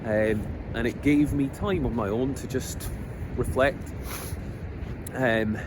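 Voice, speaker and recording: A middle-aged man with a Scottish accent, talking slowly and earnestly in a reflective personal monologue, pausing often with ums as he gathers his thoughts. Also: mid-range voice. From Scotland. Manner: hesitant, many pauses and ums, earnest. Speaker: vlogger. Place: outdoors on a coast. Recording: outdoor recording with background noise. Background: outdoor noise, passing vehicles.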